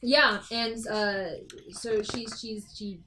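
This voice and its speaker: A woman game master improvising tabletop game narration in a halting, informal way. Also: a little high, steady tone, background noise.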